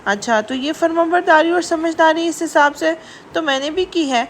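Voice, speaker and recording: A woman's voice: very high voice, slight background noise. A woman voicing a stubborn, dramatic young wife who whines and pleads. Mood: whiny pleading. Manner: whiny and pleading.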